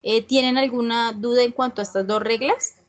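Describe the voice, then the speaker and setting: A woman's voice: fairly high pitch, fairly even intonation. A woman teaching an English class, explaining spelling rules step by step and checking often that students follow. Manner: slow and patient, often checking with a questioning "¿sí?"; reads English examples slowly and deliberately.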